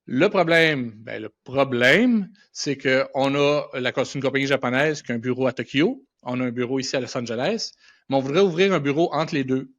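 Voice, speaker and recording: A middle-aged man from Quebec, Canada, who works in animation and visual effects, casually shares anecdotes as a podcast guest. His Quebec French accent and colloquial speech are sprinkled with English words, and his medium-pitched voice is brisk and fairly bright, heard through dull, band-limited audio.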